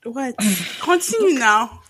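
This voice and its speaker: A woman co-hosting a podcast, bantering and laughing often. Her voice is bright and fairly high, and her pitch moves a lot. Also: sing-song, slow pace. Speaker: podcast co-host. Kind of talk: casual chat.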